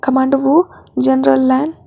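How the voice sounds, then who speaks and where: A polite, concerned middle-aged housekeeper calling the household, as a woman narrator puts her on. the voice is high, gravelly and dark, recorded dry and close. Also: level tone, measured pace, no echo, exaggerated voice.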